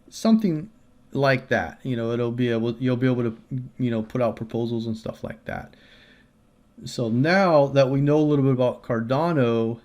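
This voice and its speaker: Male creator, mid-pitched, casual tutorial read with loose fillers and restarts, close mic. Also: darkish tone. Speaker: crypto video creator. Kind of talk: casual explainer walkthrough.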